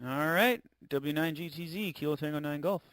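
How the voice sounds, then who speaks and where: A man hosting an amateur radio check-in net as net control, speaking in an informal, halting way. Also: a little high, heavy background noise.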